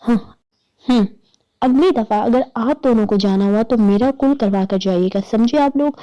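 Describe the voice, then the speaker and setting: Woman as a sulking middle-aged mother, reproachful, mellow tone. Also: on the high side, clear, resonant tone, lightly acted.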